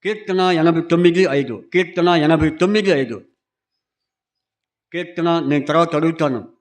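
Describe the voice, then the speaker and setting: Raised-pitch pastor quizzing his congregation. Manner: questions the congregation and urges them to answer aloud; reads scripture slowly and emphatically. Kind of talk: Sunday sermon with call-and-response questions.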